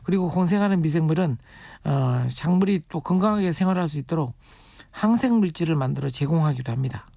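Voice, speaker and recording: A man's voice: a little high, lively intonation, fast talker, vocal fry, dark tone, no room sound. A man on a radio show, a guest expert on urban farming, explaining patiently with everyday comparisons. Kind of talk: radio interview.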